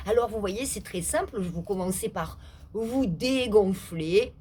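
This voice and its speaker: A middle-aged woman leads a laughter yoga session in a playful, demonstrative way. She talks her listeners through each exercise, pausing on hesitations and often slipping into laughter. Her voice sits at an ordinary pitch for a woman. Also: expressive, dark tone, slight background noise. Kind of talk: guided exercise class.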